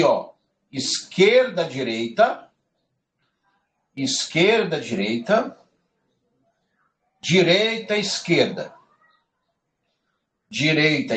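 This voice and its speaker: A man's voice: sits high, roomy sound. A man teaching a Hebrew lesson to a live class, explaining patiently and checking in with students by name. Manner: explains slowly, addresses students by name, frequent "tá?".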